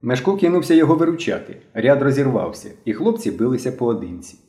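A man narrates an adventure story with a lively, rising and falling voice. His tone is mellow and warm. The reading sounds roomy, with a noticeable echo. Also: mid-range voice, quick pace. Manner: expressive storytelling. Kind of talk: audiobook narration.

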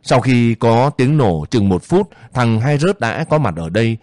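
A male narrator reads a story in a calm, measured manner. His voice sits at an ordinary middle pitch. The recording is close and dry, with no room echo. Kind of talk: audiobook narration.

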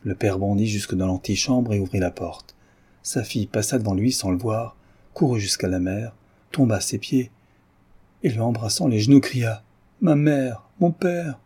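A male audiobook narrator reads a novel in a measured, solemn way. His voice is low, dark and mellow, with a husky grain.

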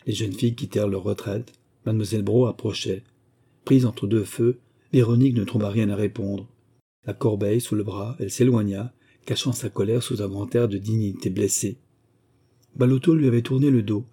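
A man reading a novel aloud in a measured, even narration. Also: on the low side, breathy edge. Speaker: audiobook reader.

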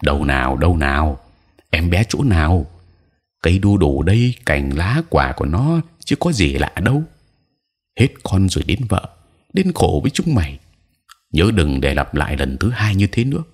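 A man's voice: low-pitched, very animated, normal speed, darkish tone, slightly rough, heavily acted. A man voicing an impatient village husband who scolds and dismisses. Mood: scolding.

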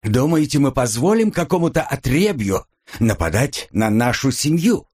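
A man's voice: mid-range voice, big pitch swings, slow, darkish tone, slightly rough, pitched above the performer's own voice, full character voice. A man doing a drunk, pompous aristocrat. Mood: boastful. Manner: pompous, bragging.

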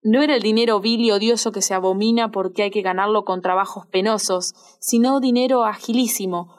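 A woman with a Rioplatense accent narrating a literary audiobook in a measured, expressive reading. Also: medium pitch. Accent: Rioplatense Spanish. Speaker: audiobook reader.

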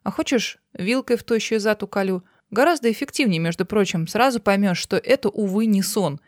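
A woman voicing a gruff, sullen grown man who grumbles and speaks sarcastically. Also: mid-range voice, brisk, no echo, clean studio sound, close to an everyday voice. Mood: sardonic.

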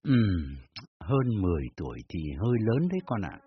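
A man plays a calm older father who reasons in a measured way. His voice is low but moves freely. The audiobook has a dull sound with faint music. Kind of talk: dramatized audiobook reading.

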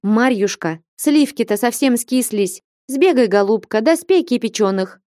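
A woman voicing a bold, impatient young woman who scolds and mocks in a raised, lively voice. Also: a little high, unhurried, dry recording, clean studio sound, pitched above the performer's own voice. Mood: coaxing. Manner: scolding, insistent, mocking.

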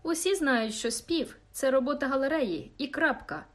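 In this audiobook, a woman reads as an aggrieved old man from a village church band, talking fussily and with heavy emphasis. The voice sits rather high, and soft music plays faintly underneath. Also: expressive, fairly quick. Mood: indignant. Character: indignant older male village church fiddler.

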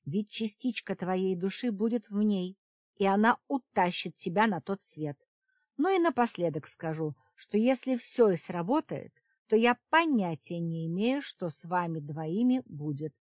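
A woman voicing a blunt young witch who studies necromancy, in an audiobook reading, speaking brisk and matter-of-fact. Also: mid-range voice, expressive, a little mellow, dry recording, clean studio sound, lightly acted. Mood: grim.

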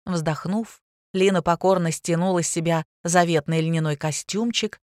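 A woman narrating an audiobook in an even, measured storytelling manner. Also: fairly low pitch, no echo, clean studio sound. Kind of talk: scripted narration.

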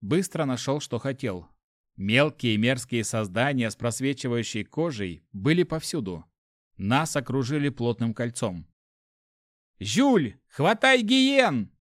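A man reading a first-person audiobook in an even, matter-of-fact way on a close studio mic. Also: medium pitch, a little slow, no echo. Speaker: audiobook narrator.

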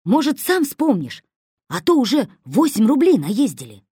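A woman's voice: a little high, wildly swooping pitch, normal speed, dark tone, slightly rough, no room sound, studio quality, voice pushed up, heavily acted. A woman voicing a fussy, stingy middle-aged male crook who nags impatiently. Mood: nagging. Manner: nagging, impatient.

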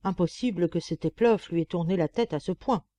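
A woman's voice: lowish voice, brisk, mellow, no echo, close to an everyday voice. A woman voicing a gossipy, pampered female lapdog who writes confiding, mocking letters, in an audiobook reading. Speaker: audiobook reader. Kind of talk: audiobook narration.

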